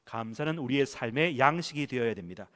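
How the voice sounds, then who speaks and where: In a church sanctuary, a male pastor preaches emphatically and calls the congregation to read along with him. His medium-pitched voice is expressive and fairly bright, and his delivery is brisk.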